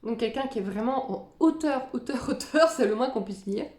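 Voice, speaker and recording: A woman's voice: fairly high pitch, expressive, normal speed, a little mellow. Chatty woman musing in an echoey room. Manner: musing, chatty, reads captions aloud then comments. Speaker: spiritual content creator reacting to videos. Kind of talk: casual reaction commentary.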